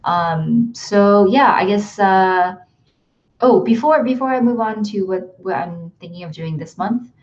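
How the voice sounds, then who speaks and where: A woman's voice: mid-range voice, expressive, measured pace, darkish tone, lo-fi sound. A young woman from the United States chatting casually on a livestream from her bedroom, rambling with lots of ums and likes. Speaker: YouTuber hosting a livestream. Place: bedroom at home.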